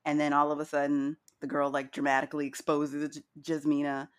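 A woman's voice: deep voice, monotone, fairly quick. A woman co-hosting a podcast, recapping a reality show in a chatty, laughing way with playful asides. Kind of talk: casual chat.

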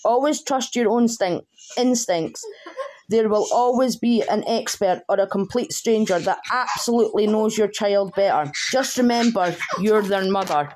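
A woman reading poems aloud as a guest in a steady, rhythmic way with a wry edge. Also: medium pitch, normal speed, a little hiss or hum. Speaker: guest poet. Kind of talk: reading her own poem aloud.

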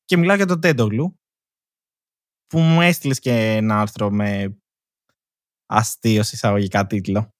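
A man's voice: fairly low pitch, pauses often, no echo. A young man co-hosting a casual podcast, teasing his partner with dry jokes. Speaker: podcast co-host. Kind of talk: casual chat.

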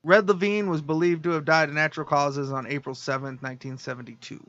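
Bright-voiced man telling a crime story. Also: fairly high pitch, fairly even intonation, fast, lo-fi sound. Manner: storytelling, reads quotes, laughs along. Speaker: podcast host. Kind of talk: casual chat, reading out a story.

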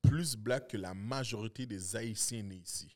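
A man, hosting a podcast in a slangy, halting casual style. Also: on the low side, darkish tone.

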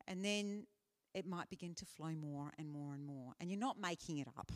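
A woman's voice: low-pitched, moderate pace. A woman speaker answering questions in a live teaching session, earnest and conversational with frequent fillers. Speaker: conference speaker. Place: conference hall.

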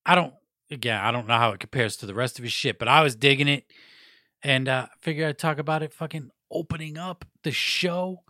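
Recorded at studio quality with no room sound, a young adult man speaks briskly in a medium pitch. As the stuffy-nosed host of a casual hip hop podcast, he's loose, slangy, and profane, throwing out shout-outs.

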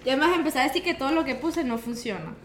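High-voiced Venezuelan woman, teasing. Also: lively intonation, rapid-fire. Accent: Venezuelan Spanish. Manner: laughs a lot, playful teasing. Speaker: co-host. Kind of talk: casual chat while playing a word game. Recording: echoey room, faint noise.

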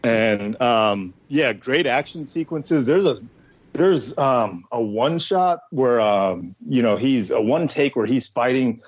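A man chatting casually as a podcast panelist, excitable and swearing freely. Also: mid-range voice, slow, husky. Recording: slightly dull audio.

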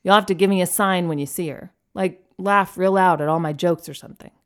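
Awkward doughy coworker in his late thirties, stammering and pleading, pitched higher than the narration, as a woman reader puts him on. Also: fairly quick, close to an everyday voice.

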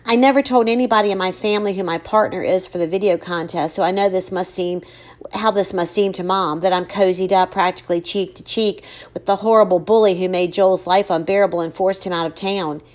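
A woman reading a first-person story as an audiobook narrator, with expressive, emotional delivery of her own lines. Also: fairly low pitch, a little fast.

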